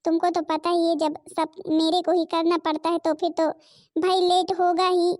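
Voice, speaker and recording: A woman voicing a meek young stepdaughter in an animated cartoon, pleading and tearful. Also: very high-pitched, normal speed, no room sound. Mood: gentle.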